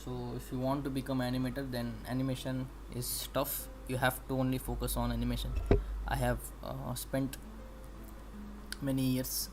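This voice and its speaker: Flat-voiced young man with an Indian accent. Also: medium pitch, over music. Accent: Indian English. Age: young adult. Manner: halting, explains while working, many pauses. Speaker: animation student streaming practice. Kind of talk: casual think-aloud livestream. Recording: steady background noise.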